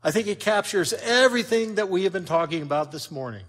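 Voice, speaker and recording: An older man preaching a sermon, telling a personal story with lively swings in loudness. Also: high voice, fast.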